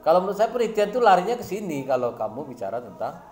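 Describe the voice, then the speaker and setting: A man questions a student about her research, his voice sitting a little high. He talks in long, searching questions that trail off and restart. The room around him rings with echo. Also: sing-song, racing, a little mellow, a little hiss or hum. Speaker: academic supervisor questioning a student. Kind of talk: probing academic discussion.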